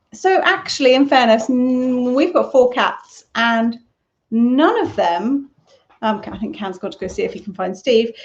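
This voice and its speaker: A woman's voice: a little high, darkish tone, dull audio. A woman hosting a casual crochet Q&A live stream from home, chatty, rambling and self-deprecating. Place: at home, on a sofa.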